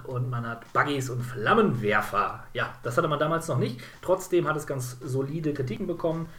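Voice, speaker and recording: A man's voice: medium pitch, moderate pace, bright, forceful tone. Chatty man rambling through a games podcast. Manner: rambling, many fillers and self-corrections. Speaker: podcast co-host. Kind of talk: casual game podcast chat.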